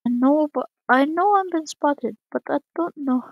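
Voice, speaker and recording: A woman giving excitable live gameplay commentary, reading game prompts aloud and calling out to other players. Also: high-pitched, moderate pace, no echo, dull audio. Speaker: gaming channel host.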